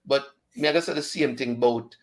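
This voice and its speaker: A radio show host with a Jamaican accent runs a chat show in a casual, chatty way, mixing patois into his speech and laughing often. His voice is medium-pitched and he talks a little fast.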